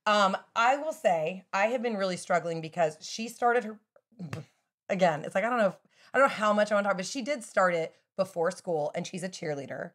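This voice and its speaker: A woman's voice: medium pitch, expressive, brisk. A middle-aged woman co-hosting a podcast, a mother chatting casually in a rambling way with many fillers. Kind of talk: casual chat.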